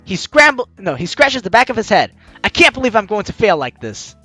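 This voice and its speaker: With music behind him and a close mic with no echo, a let's-play host reads game text aloud and comments on it. His voice is high-pitched and a little fast, and he performs the lines expressively as he reads.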